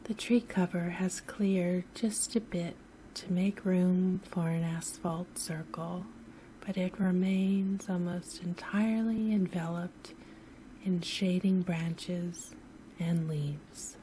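A woman narrating a scripted sleep story in a hushed, soothing, soft-spoken manner, often close to a whisper. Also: fairly low pitch, steady tone, takes it slowly, a little hiss or hum, poor audio. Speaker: host and narrator of sleep stories.

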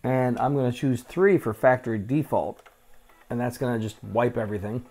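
A man in his forties speaks at a medium pitch and normal speed while hosting his vintage computer channel. He talks informally through a hands-on restore at a desk in a small room, wearing a lapel mic, relaxed and chatty with many "uh" fillers.

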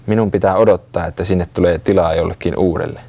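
A man's voice: deep voice, fairly even intonation, vocal fry, lo-fi sound. A man voicing Sisu, a small touchy creature who speaks curtly. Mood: sulky. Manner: curt, sulky, then shyly warm.

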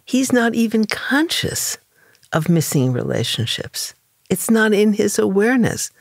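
A woman's voice: mid-range voice, sing-song, a little slow, no echo, studio quality. An older woman psychologist being interviewed, explaining her ideas thoughtfully and illustrating them with stories and quoted voices. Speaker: psychologist and author, guest. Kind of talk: conversational interview.

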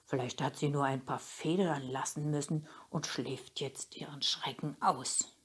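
An old grandfather thinks aloud, grumbling gently in a low, husky voice, as a woman reading a storybook puts him on. He speaks slowly and ponders each thought. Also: fairly even intonation, heavily acted. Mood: musing. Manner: musing, grumbling.

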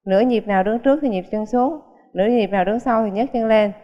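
A woman's voice: a little high, quick pace. A woman teaching a piano lesson in a casual, chatty way, counting beats aloud and explaining with everyday comparisons. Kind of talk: casual spoken music lesson. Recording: muffled sound with a long hall reverb.

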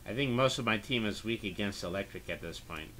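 A man giving casual, relaxed commentary while he plays a video game, thinking aloud as he goes. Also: fairly low pitch, a little fast, slight background noise. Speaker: streamer.

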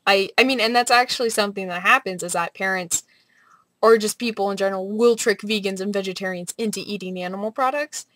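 A young adult woman rambling casually in a vlog, with an animated, sardonic manner. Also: mid-range voice, quick pace, few pauses, dry recording. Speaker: vlogger. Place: small bright room at home, indoors.

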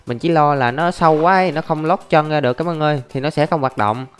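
Young guy doing lets play commentary, chatty, talks viewers thru every move, soft music under it. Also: on the high side, quick pace, smooth. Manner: chatty, narrates each step, often calls out to viewers. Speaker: gaming YouTuber. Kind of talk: casual Let's Play commentary. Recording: faint background music.

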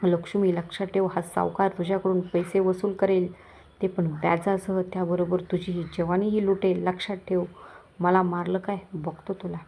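A woman's voice: fairly low pitch, level tone, moderate pace, creaky, warm tone. A woman voicing a scheming, lecherous middle-aged village moneylender who talks in a coaxing, menacing way. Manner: coaxing, menacing, falsely kind.

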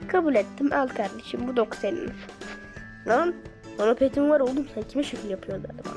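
Woman game-video host, high and bubbly, talking straight to viewers over loud background music. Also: fairly quick. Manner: chatty and excitable, keeps addressing viewers. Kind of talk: casual game commentary to viewers.

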